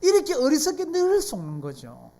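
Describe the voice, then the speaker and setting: Preaching in a conversational style inside a church sanctuary, a South Korean pastor with a Gyeongsang accent fires rhetorical question after rhetorical question at the pews. His pitch rises and falls with lively animation at a moderate pace.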